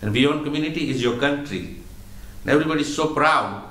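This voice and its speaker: A man giving a religious lecture as a spiritual teacher, explaining slowly and patiently, often repeating words as he goes. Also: fairly high pitch, fairly bright tone, roomy sound, low-quality recording.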